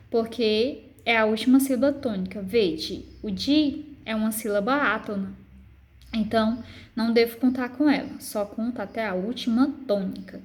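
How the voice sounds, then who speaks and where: A woman teacher with a Brazilian Portuguese accent giving a recorded lesson, patiently explaining and slowly spelling out syllables. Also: fairly high pitch. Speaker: literature teacher.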